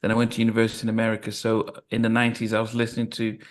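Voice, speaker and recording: A middle-aged man from Liverpool and Nigeria hosting an interview, speaking haltingly with many ums. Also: lowish voice, completely flat delivery. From raised in Liverpool and Nigeria. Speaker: podcast host.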